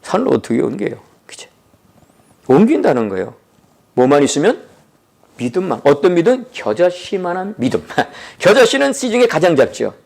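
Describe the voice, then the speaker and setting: A man delivers a revival sermon in a gravelly voice. His pitch rises and falls freely, and he keeps turning to his listeners for agreement. Now and then he acts out short dialogues in a lower, softer voice. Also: big pitch swings, normal speed. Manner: conversational, keeps asking listeners "right?". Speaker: pastor.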